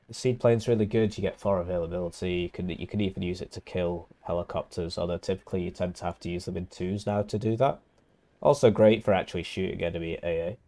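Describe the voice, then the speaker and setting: A man's voice: deep voice, fairly even intonation, fast talker, warm tone. A man with a nasal, congested voice, casually casting and explaining a strategy game match from home. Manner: talks through options, casual and wry. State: congested from illness. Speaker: game caster.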